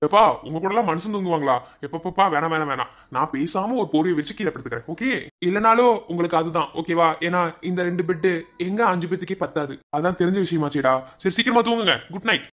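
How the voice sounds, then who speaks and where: A man's voice: sits high, animated, fast, fairly bright tone. A man voicing a fussy male senior student in a cartoon, with a Madurai Tamil accent and a nagging, exasperated manner. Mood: grumbling. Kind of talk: cartoon voice acting.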